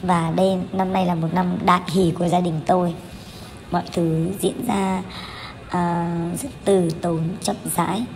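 A woman's voice: on the low side, flat delivery, a little slow, a little mellow, slight background noise. A woman in her thirties narrating a family vlog as voice-over, candid and chatty, with many fillers and restarts. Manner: candid, chatty, with frequent fillers and self-corrections. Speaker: vlogger.

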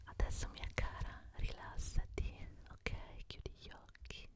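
Slow whispered role-play, soothing female beautician acted by a woman. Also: close to an everyday voice. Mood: soothing, attentive. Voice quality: breathy, unvoiced whisper. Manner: soothing, slow, reassuring, fond diminutives. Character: gentle, attentive female beautician pampering a client. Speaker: ASMR performer. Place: indoors at a desk, close up. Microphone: desktop condenser microphone with foam cover, very close.

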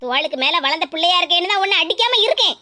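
Brief: squeaky, bright scolding cartoon mother, voiced by a woman, Kanyakumari Tamil accent. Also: expressive, rapid-fire, slight background noise, exaggerated voice. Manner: scolding, nagging. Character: scolding suspicious mother of a grown daughter. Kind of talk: cartoon comedy dub.

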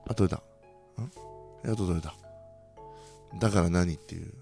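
A young man with a Kansai accent commentating his own game play, bursting into loud reactions and then muttering quietly. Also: normal speed, creaky, soft background music. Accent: Kansai Japanese. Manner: excitable, reacts loudly to surprises, then mutters low. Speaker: gaming channel host.

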